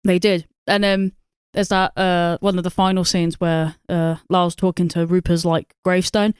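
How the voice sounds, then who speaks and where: A woman's voice: lowish voice, little pitch movement, normal speed, clear, resonant tone, no room sound, studio quality. A woman, co-hosting a podcast and rambling about a film with lots of swearing, fillers and laughter. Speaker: podcast co-host. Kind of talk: casual film review chat.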